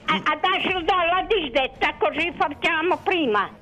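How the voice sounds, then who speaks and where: An older woman whose recorded lines are played in a prank call, asking slow, confused questions over and over. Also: very high-pitched, sharp tone.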